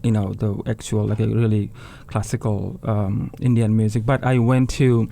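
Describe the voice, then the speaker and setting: A man from Bangladesh, a tabla player, talking in a radio interview in a halting way and often restarting words. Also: fairly low pitch, flat delivery, creaky, dark tone. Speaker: tabla player, guest musician. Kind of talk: casual interview talk.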